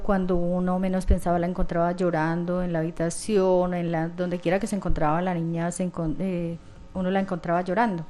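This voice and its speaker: A woman's voice: fairly low pitch, fairly bright tone. A woman giving courtroom testimony as a witness, hesitant with many fillers and retelling scenes through quoted dialogue.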